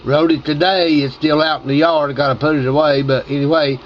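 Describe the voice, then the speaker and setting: Casual, slightly high-voiced man on ham radio. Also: steady tone, brisk. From Tennessee, United States. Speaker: amateur radio operator and video host. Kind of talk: casual ham radio chat and video commentary. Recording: dull audio with faint noise.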